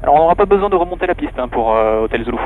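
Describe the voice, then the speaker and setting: A man's voice: on the high side, animated, rapid-fire, narrow, tinny audio. A man making clipped, procedural radio calls as a pilot over a headset in a small aircraft. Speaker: private pilot. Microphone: aviation headset. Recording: pilot headset audio with aircraft cabin noise.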